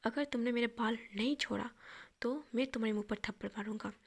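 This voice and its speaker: A woman voicing a stubborn, sharp-tongued young man who answers back in quick, half-whispered retorts. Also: fairly high pitch, slightly rough. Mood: bickering.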